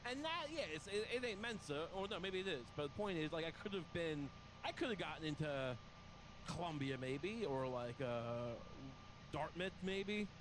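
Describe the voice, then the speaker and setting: A man's voice: on the high side, lively intonation, normal speed, noisy background. A middle-aged man in casual comedic chat, talking in a rambling, self-deprecating way.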